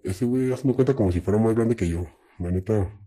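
A man's voice: lowish voice, quick pace. A young man with a Mexican accent, telling his story in an interview in casual, swear-laden slang. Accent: Mexican Spanish. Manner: streetwise, swears often, relaxed.

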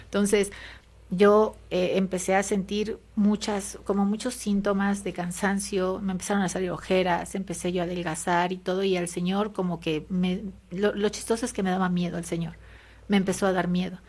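A Mexican Spanish accent colors this interview guest's hesitant personal story, which is packed with fillers and tag questions. She speaks at a normal speed in a level tone, with a darkish, mid-range voice.

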